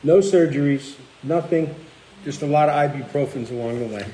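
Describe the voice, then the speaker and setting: A man's voice: medium pitch, normal speed, slight background noise, low-quality recording. A middle-aged man hosting a casual chat, telling stories and acting out the people he quotes. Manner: animated, acts out quoted people. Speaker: cookbook author and channel host.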